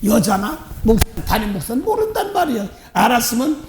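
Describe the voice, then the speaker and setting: A man's voice: extremely high pitch, fairly quick, reverberant, a little hiss or hum. A middle-aged male pastor preaching a dawn service sermon, telling a personal story with acted-out voices and frequent laughs. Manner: animated storytelling, acting out voices; self-deprecating, laughs often. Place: church sanctuary.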